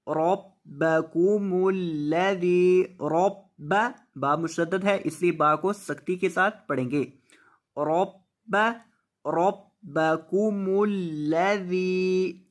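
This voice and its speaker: A man teaching Quran reading. He draws the verses out slowly, then explains the tajweed rules briskly and repeats each word. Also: fairly high pitch, a bit bright. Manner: repeats words and asks rhetorical questions. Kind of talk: tajweed lesson, slow drawn-out recitation then quick explanation.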